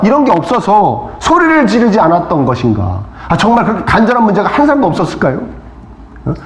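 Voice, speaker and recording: A male pastor delivers a sermon in a fairly high voice that swings widely in pitch. He peppers it with questions to the congregation and acts out voices from the story. The sound rings in an echoey church hall. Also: a bit bright. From South Korea. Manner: preaching with rhetorical questions and calls of amen; acts out crowd voices and rebukes. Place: church sanctuary.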